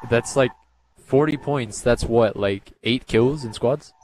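A man on a headset talking casually while gaming, reacting quickly and repeating himself. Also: medium pitch, darkish tone, slight background noise. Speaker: gamer.

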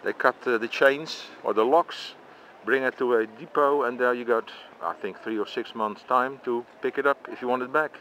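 A chatty Dutch vlogger films outdoors with a handheld camera near busy street bike parking, chuckling and exclaiming often during his casual walking commentary. His mid-range, fairly bright voice runs at normal speed, and the street recording from the camera mic is noisy.

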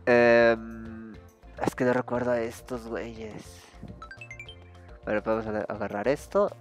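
A man's voice: medium pitch, level tone, unhurried, faint music behind. A man with a Mexican Spanish accent giving casual gameplay commentary and musing aloud. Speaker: gaming YouTuber.

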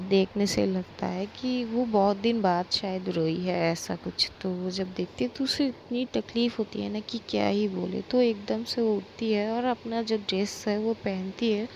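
A woman's voice: medium pitch, fairly even intonation, a little slow, gravelly, a little mellow, a little hiss or hum, rough recording. A woman narrating a serialized romance story in a chatty, casual way with lots of fillers. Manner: chatty, filler-heavy retelling.

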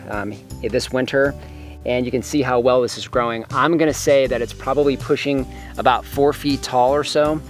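Chatty man touring his orchard. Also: mid-range voice. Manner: chatty, enthusiastic, talks while eating. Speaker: homesteading vlogger. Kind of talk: casual garden walkthrough to camera. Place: outdoors in an orchard.

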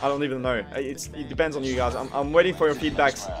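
A man's voice: mid-range voice, fairly even intonation, fast talker, loud music behind the voice. A young man in his twenties from France with a French accent, an esports caster and streamer talking casually on a headset mic over gameplay, searching for words and sometimes losing his thread. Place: indoor room, gaming chair.

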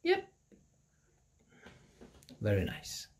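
A non-native English speaker in his thirties casually reviews a laptop, speaking plain, halting English and apologizing for his language. He records with the laptop's built-in mic and camera in a hot, echoey room at home, while a nearby construction site adds buzzing noise.

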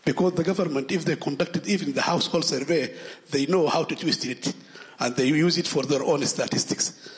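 A man, from Sudan, asking a long question in a conference hall, stumbling over repeated words. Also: fairly high pitch. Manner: halting, many repeated words and restarts. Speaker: audience member asking a question.

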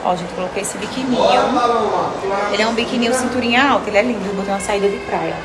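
A young woman, chatting excitedly to viewers as she films a hotel tour on her phone. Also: medium pitch, rapid-fire, heavy background noise. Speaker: vlogger. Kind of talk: casual vlog tour.

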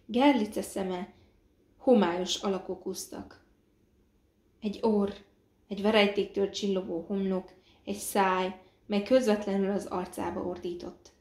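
A woman narrating an audiobook in a measured, dramatic reading. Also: medium pitch, fairly even intonation, darkish tone. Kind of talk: scripted narration. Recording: roomy echo.

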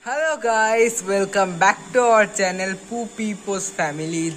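A man's voice: sits high, extremely slow, music in the background. A man chatting casually to camera in a vlog, rambling with lots of fillers. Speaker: vlogger. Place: outdoors and indoors, on the move.

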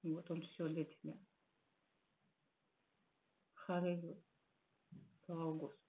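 A woman in her late forties giving a heartfelt church testimony, earnest and musing, with many pauses and fillers. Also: low voice, little pitch movement. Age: 40s. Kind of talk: personal testimony at a service. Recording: tinny phone-like sound.

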